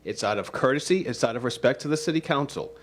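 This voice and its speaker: Male council chair, formal debate in a chamber, firm and insistent, calm giving way to anger. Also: mid-range voice, quick pace. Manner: stern and insistent, turning angry. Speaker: city council president chairing a meeting.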